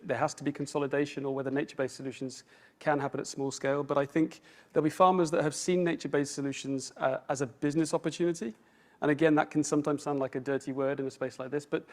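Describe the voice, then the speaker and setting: A man's voice: fairly high pitch, fairly even intonation, fast talker, a little mellow. A man speaking as a conference panelist, thinking aloud with frequent "you know" and "right?".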